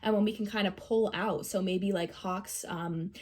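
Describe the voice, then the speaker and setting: A woman's voice: mid-range voice, fairly even intonation, moderate pace, a little mellow, breathy edge. A woman with a nasal voice from a recent cold, giving a casual, rambling tarot reading to camera, full of "like" and "um". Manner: rambling, filler-heavy, many "like"s. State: recovering from a cold. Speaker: tarot reader.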